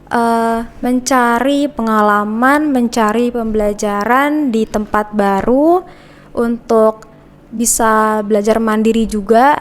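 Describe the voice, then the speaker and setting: A young female university student from Indonesia, a podcast guest answering politely and in measured phrases. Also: a little high, fairly even intonation. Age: young adult. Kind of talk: casual podcast interview.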